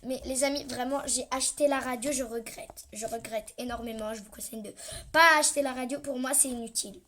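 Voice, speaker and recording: A young woman with a high, sharp voice gives casual gameplay commentary, theatrical in her complaints and sinking into quiet mutters between outbursts. A faint hiss sits under her desk-mic recording. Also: steady tone, brisk. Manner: chatty, dramatic complaining, often drops to a mutter. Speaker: gaming vlogger.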